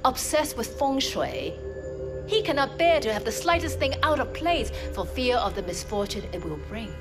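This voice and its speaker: An actress playing a cold, scheming middle-aged woman crime boss in a video game, speaking with slow, deliberate, theatrical villain menace. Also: on the high side, sing-song. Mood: quiet menace. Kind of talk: video game cutscene acting. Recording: music under dialogue.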